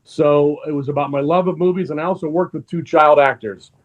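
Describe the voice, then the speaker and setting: A man's voice: on the high side, fairly even intonation, lo-fi sound. A man, a filmmaker guest on a podcast, answering thoughtfully with frequent restarts and an earnest tone. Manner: measured, restarts often, earnest. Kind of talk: reflective interview answers.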